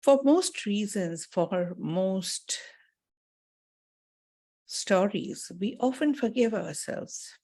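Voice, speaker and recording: With a warm, animated, mid-range voice, a woman guides a meditation and gives a spiritual talk. Her pacing is measured and soothing, and she pauses often and deliberately between phrases.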